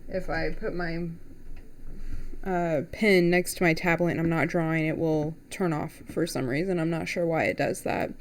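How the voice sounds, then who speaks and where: A woman's voice: deep voice, steady tone, normal speed. A young woman live-streaming as she draws, chatting casually and rambling to herself while she works. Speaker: artist live-streaming a drawing.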